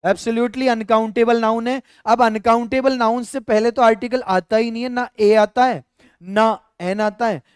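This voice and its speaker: A man's voice: very high voice, fairly even intonation, normal speed, clear, resonant tone, dry recording, studio quality. A male teacher with a Rajasthani Hindi accent, explaining grammar step by step in a live online lesson and talking to viewers as friends.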